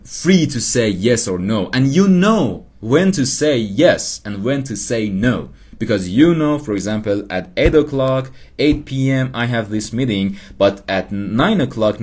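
Man, rambling self-help podcast talk, slow, animated rise and fall. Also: mid-range voice, husky. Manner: rambling, repeats himself, laughs at himself. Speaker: podcast host. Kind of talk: casual self-help monologue.

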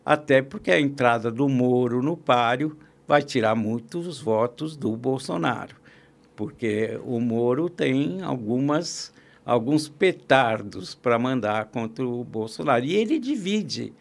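A man with a gravelly, fry-tinged voice sits as a guest on a conversational podcast. He talks politics in an opinionated, rambling way, often breaking off and restarting his sentences. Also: medium pitch, animated, unhurried. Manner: talkative, opinionated, frequent restarts and fillers. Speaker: podcast guest, columnist and agribusiness consultant.

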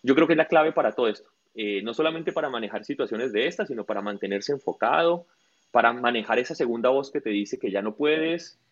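A man's voice: medium pitch, animated, fairly quick. A man, a guest coach in a casual interview, telling stories and acting out what people said. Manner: tells stories with acted-out quotes. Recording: dull lo-fi audio.

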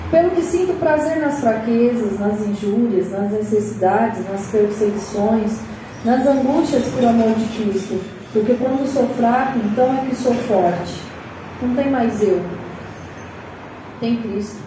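A woman pastor with a Brazilian Portuguese accent preaching a sermon, animated, repeating phrases and asking rhetorical questions. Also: fairly high pitch, a little slow. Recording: echoey hall, voice far from mic, noisy.

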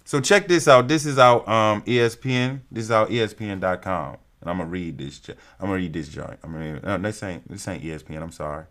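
A man's voice: low voice, quick pace, hardly any pauses, a bit bright. Profane trash-talking sports fan man. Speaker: sports vlogger. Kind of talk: casual sports commentary.

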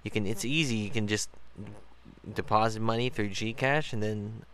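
A man's voice: lowish voice, steady tone, normal speed, fairly bright tone, a little hiss or hum. A man co-hosting a casual crypto chat, making jokes and playful asides. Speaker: co-host.

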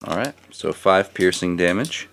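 Deep-voiced man running a tabletop game. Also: unhurried. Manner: relaxed, hesitant with fillers. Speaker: game master.

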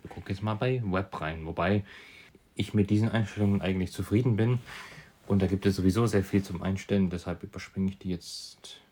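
A man casually explaining computer settings in a tutorial, relaxed, with some fillers. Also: low-pitched, brisk. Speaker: tutorial presenter. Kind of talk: casual screen recording tutorial.

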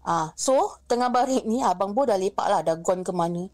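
A young woman telling her own ghost story in casual chat, lively, acting out each person's lines and slipping English phrases in. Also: mid-range voice, normal speed, no echo. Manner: lively, acts out the other people's lines, mixes in English phrases. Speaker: guest sharing a ghost story.

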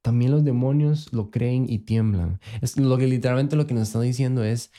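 A man's voice: medium pitch, normal speed, dark tone. A young man with a Costa Rican accent, reflecting in a laid-back way on a casual faith podcast, with slang and rhetorical questions. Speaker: podcast co-host.

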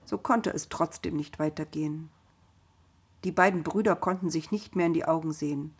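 A woman telling a story in the first person, calm and measured. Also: sits low, husky.

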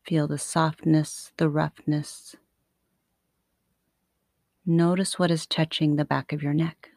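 A woman guiding a sleep meditation like a sleep story narrator, soothing and unhurried, with long pauses between short phrases. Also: low-pitched, little pitch movement, darkish tone, no echo, clean studio sound. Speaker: yoga nidra meditation teacher.

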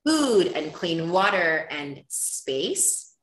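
An Ethiopian woman speaks as a podcast guest in a conversational interview, earnest and impassioned. Her voice is fairly low, very animated and very slow, and the recording has a roomy echo.

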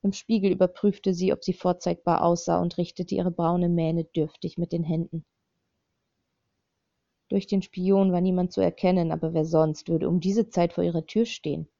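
A woman's voice: fairly low pitch, normal speed, gravelly, dry recording. A woman narrating an audiobook in scripted narration, reading steadily, on a slightly dull, dry recording. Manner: steady, even reading of a dark thriller.

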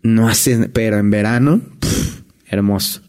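A man's voice: fairly low pitch, unhurried, a little mellow. A man with a Mexican accent, a guest telling stories in casual chat, full of tag questions and restarts. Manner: chatty, peppers speech with tag questions and restarts. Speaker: guest, former hotel entertainer.

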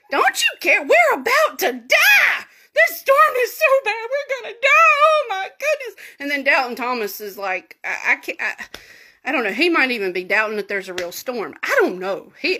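Bright-voiced woman teaching a Bible story. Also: mid-range voice. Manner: animated, chatty, folksy asides. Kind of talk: informal Bible lesson storytelling.

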